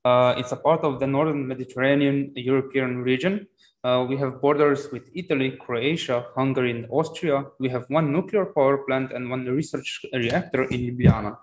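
A man's voice: medium pitch, moderate pace, a little hiss or hum. A teenage boy from Slovenia with a Slovenian accent, presenting facts about his school and town plainly, with fillers. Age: teens. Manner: plain, with fillers between points. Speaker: student presenter. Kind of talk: presentation on a video call. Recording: echoey room.

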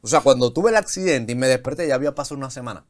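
A young adult man, a guest in an interview, telling his story in an animated, casual way and laughing at it. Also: mid-range voice, rapid-fire. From Venezuela.

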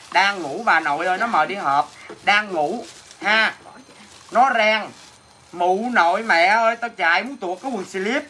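A woman with a Southern Vietnamese accent runs a casual livestream sale, answering comments and teasing viewers with brash, crude jokes. Her medium-pitched voice is bright and forceful, with slight background noise.

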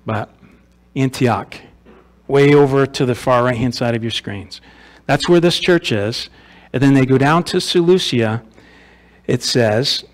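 A man's voice: mid-range voice, unhurried, long pauses. Guy pastor giving a sunday sermon, chatty and casual, keeps asking the room questions, medium voice. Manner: conversational, asks rhetorical questions, repeats words. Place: church sanctuary.

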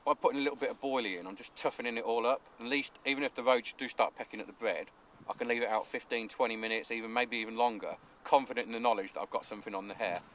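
A man in his thirties, an angling coach, explaining his rig and bait step by step in a relaxed, practical way, recorded outdoors by a lake. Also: mid-range voice, racing, a little hiss or hum. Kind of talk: instructional fishing talk. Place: outdoors at a lakeside fishery.

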